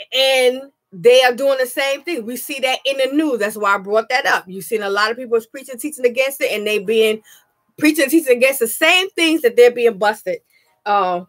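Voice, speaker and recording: A woman's voice: high voice, a bit bright. A woman pastor giving an earnest sermon with frequent amens, her throat slightly scratchy. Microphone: webcam. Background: music.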